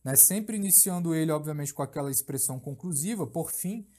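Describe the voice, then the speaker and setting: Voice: mid-range voice, expressive, brisk, mellow. Teacher explaining step by step. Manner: explains step by step, checks in with tag questions; repeats key phrases for emphasis. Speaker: writing course teacher. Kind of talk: recorded online course lecture.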